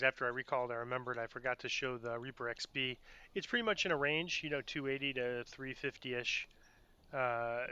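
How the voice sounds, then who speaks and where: A man's voice: medium pitch, sharp tone, clear, resonant tone, dull audio. A man giving casual gameplay commentary, thinking aloud in a self-deprecating way. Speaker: gamer narrating own gameplay.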